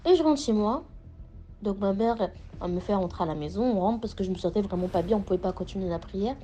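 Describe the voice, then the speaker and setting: A woman's voice: mid-range voice, lively intonation, fast, mellow. A young adult woman telling a personal story in a casual, rambling way, full of fillers and restarts. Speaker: storyteller sharing a personal experience.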